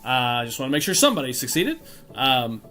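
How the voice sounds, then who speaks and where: A man runs a tabletop role-playing game, describing scenes and calling for dice rolls. He speaks at a middling pitch and often stops to think aloud with fillers. Faint music plays behind him. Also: sing-song, quick pace, bright, forceful tone. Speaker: game master.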